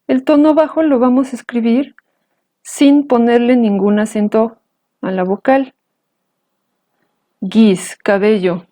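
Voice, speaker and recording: A woman teaching a language lesson, explaining slowly and carefully, pronouncing example words. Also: a little high, mellow. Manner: slow, careful, patient explanation.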